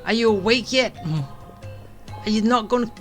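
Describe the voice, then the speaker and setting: With game music underneath, this woman streams gameplay in a casual, playful way, reacting to dialogue and musing out loud. She speaks on the high side, at normal speed, with a steady tone.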